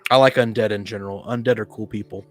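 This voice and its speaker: A panel guest on a tabletop gaming podcast chats casually about his gaming experiences, sharing personal anecdotes in a rambling, halting way and often cutting himself off. His voice sits on the low side with fairly even intonation, and soft music plays in the background.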